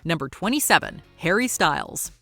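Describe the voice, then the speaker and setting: Woman narrating a countdown, lively pitch swings. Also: moderate pace, over loud music. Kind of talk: scripted upbeat commentary narration.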